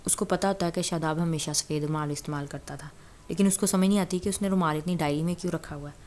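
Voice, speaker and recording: Low, flat-voiced woman retelling a story. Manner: conversational, many fillers and restarts. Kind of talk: casual retelling of a novel.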